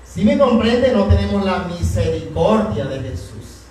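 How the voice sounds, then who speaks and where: Impassioned high-voiced pastor in echoey hall. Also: male voice, sing-song, measured pace, darkish tone, a little hiss or hum. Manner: impassioned, keeps asking the congregation if they are listening. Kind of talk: sermon. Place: church hall. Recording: very echoey hall, mic far off.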